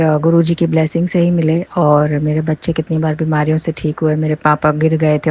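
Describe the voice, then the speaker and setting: Low, mellow-voiced woman sharing a testimony. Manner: earnest storytelling, voice rises when recounting alarm. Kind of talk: personal spiritual testimony.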